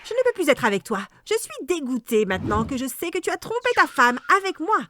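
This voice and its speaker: A woman voicing a shrill scorned young teacher. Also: very animated, a little fast, bright, forceful tone, no room sound, clean studio sound, heavily acted. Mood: indignant. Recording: music playing behind.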